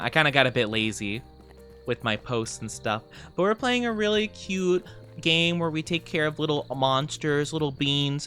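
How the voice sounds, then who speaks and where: A man's voice: medium pitch, sharp tone. A man hosting a livestream as a VTuber, chatting casually while he plays a game, with effusive, gushing greetings and a cutesy, cooing way of talking. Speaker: VTuber streamer host.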